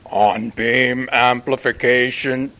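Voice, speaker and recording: A man channeling a solemn male Martian commander who addresses Earth in formal, measured pronouncements with long pauses. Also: medium pitch, fairly even intonation, sharp tone. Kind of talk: channeled spiritual message.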